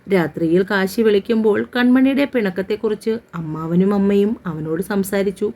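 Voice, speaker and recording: A woman narrating a romance novel as an audiobook in a steady, unhurried storytelling manner. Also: mid-range voice.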